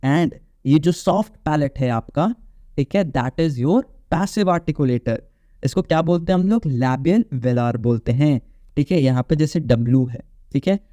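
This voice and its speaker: A man's voice: fairly high pitch, dark tone, no echo. A man with an Indian accent teaching an exam-prep phonetics lesson, explaining step by step and checking in with listeners often. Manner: explanatory, checks in with frequent "theek hai?" and slows down for English terms. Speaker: English teacher.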